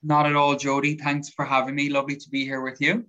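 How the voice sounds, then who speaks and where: A man's voice: fairly high pitch, monotone, quick pace, sharp tone, highs cut off. A man with a west of Ireland accent speaking as an interview guest in a conversational way, often repeating words as he goes. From County Mayo, Ireland. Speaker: hotel sales executive, interview guest.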